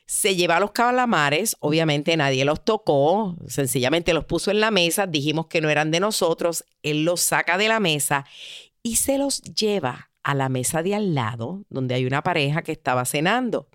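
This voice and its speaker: Lively woman telling a story. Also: sits low, moderate pace, clear, resonant tone, no echo, clean studio sound. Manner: animated, acts out quoted voices. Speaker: relationship advice speaker. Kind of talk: storytelling advice talk.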